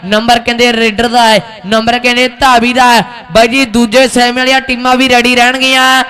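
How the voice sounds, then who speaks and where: Man, Malwai Punjabi accent, live kabaddi commentary, very high-pitched, bright and forceful, rousing. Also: flat delivery, a little fast. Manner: rousing, calls to the crowd. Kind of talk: live sports commentary with folk couplets. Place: outdoor village tournament ground.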